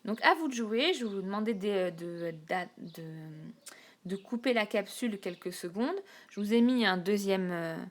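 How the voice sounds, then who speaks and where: A woman teacher talking through a recorded whiteboard lesson, pausing often with fillers and counting syllables out slowly. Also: medium pitch, lively intonation. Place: home desk, recorded on a tablet.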